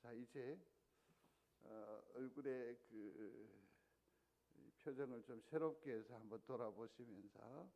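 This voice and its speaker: A man's voice: medium pitch, takes it slowly, vocal fry, darkish tone. A male pastor preaching a Sunday sermon in a conversational way, often asking the congregation questions. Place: church sanctuary.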